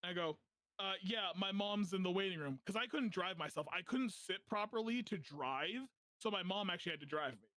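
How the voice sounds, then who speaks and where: A young man hosting a podcast, telling a funny personal story in a casual, animated way, often laughing as he talks. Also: high voice, fairly quick, dry recording. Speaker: podcast host.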